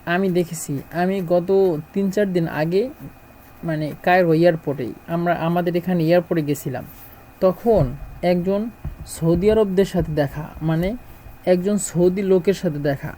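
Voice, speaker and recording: A man's voice: high voice, dark tone, a little hiss or hum, low-quality recording. Man patiently drilling vocabulary. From Bangladesh. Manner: repeats words slowly in drills. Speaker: Arabic language teacher. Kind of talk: language lesson.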